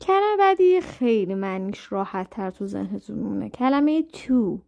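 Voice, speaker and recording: A woman giving a step-by-step language lesson, saying new words slowly and carefully. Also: medium pitch, animated, gravelly, dark tone. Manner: slow, careful spelling-out of words. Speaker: language teacher. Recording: muffled lo-fi audio.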